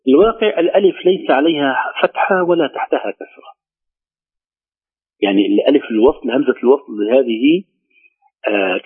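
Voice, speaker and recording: Husky-voiced man teaching recitation. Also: medium pitch. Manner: slow, drawn-out demonstration of each word. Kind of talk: recitation lesson. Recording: tinny phone-line sound.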